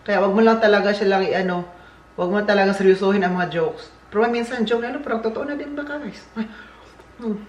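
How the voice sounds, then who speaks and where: A man's voice: high-pitched, quick pace, muffled recording. A man with a Filipino accent, chatting casually and jokingly as a vlogger, with rambling asides. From Philippines. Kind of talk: casual vlog chat. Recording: echoey room, faint background hiss.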